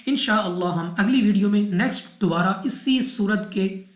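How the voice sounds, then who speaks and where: A woman's voice: mid-range voice, normal speed. A woman from Pakistan teaching Quran recitation rules, methodically repeating each rule step by step. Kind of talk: tajweed lesson explanation. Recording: roomy echo.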